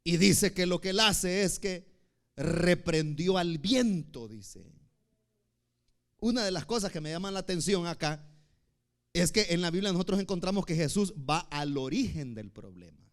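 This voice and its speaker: High, lively-voiced preaching man. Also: a little slow. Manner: preaching with sweeping swings in loudness, shouting peaks and hushed asides; acts out quoted pleas in a high crying voice. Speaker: pastor. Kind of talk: sermon.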